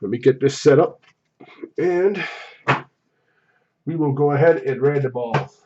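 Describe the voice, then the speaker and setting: A man hosting a card break with casual live commentary, announcing items in an enthusiastic, drawn-out way. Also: mid-range voice, noisy background. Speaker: host of hockey card box breaks. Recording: dull, lo-fi microphone.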